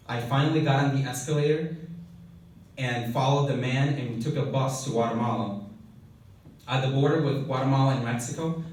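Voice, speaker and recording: A young man from Honduras giving a keynote speech, reading prepared remarks in a measured, earnest way. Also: mid-range voice, darkish tone. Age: young adult. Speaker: keynote speaker. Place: event hall. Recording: very echoey hall from far off, faint noise.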